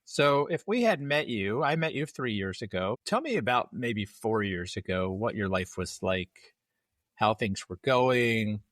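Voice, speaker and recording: A man's voice: on the low side, expressive, a little slow, a bit bright, no room sound, studio quality. A man hosting an interview podcast, talking casually and conversationally with small restarts. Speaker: podcast host.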